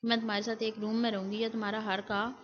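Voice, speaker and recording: A woman voicing a defiant, bitter young bride who answers with sharp, scornful retorts in an audiobook drama. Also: a little high, flat delivery, highs cut off, natural voice. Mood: angry.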